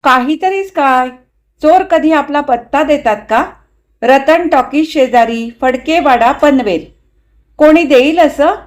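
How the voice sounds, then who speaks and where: A woman voicing a lively, eager young married woman in a read-aloud story, speaking in a high, chirpy voice. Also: slow. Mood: cheerful.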